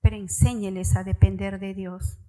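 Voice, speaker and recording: A woman's voice: mid-range voice, flat delivery, normal speed, mellow, poor audio. Woman, church preacher, direct and emphatic sermon delivery to the congregation. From Peru. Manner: direct, emphatic address to parents, stressing key words. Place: church service.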